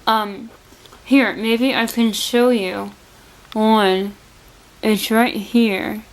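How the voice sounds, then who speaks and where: Higher-voiced woman talking through a sore jaw. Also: fairly even intonation, drawn-out words, rough recording. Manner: speaking with a sore, stiff jaw that barely opens. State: recovering from jaw surgery, numb mouth. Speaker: vlogger sharing surgery recovery. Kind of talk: casual chat.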